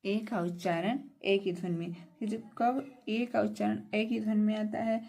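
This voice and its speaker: A woman's voice: mid-range voice, fairly even intonation, normal speed, creaky, dark tone. A woman teaching English pronunciation in a classroom lesson, spelling words letter by letter, repeating meanings and answering her own questions.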